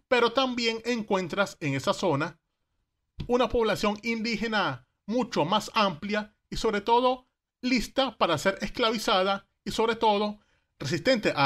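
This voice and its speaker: A man's voice: high voice, a bit bright. A man with a Venezuelan Caribbean Spanish accent telling history casually, in slangy everyday speech, asking rhetorical questions and acting out quotes.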